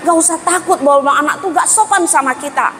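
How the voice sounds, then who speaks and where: A woman giving a lively parenting seminar, quizzing the audience and acting out parents and children. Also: very high voice, fast, soft background music. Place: school hall seminar. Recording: reverberant hall with faint ambience.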